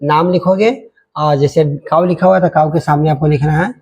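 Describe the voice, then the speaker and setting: A man's voice: fairly high pitch, steady tone, a little fast, a little mellow, a little hiss or hum. A man teaching an English grammar lesson, spelling words out letter by letter and checking in often.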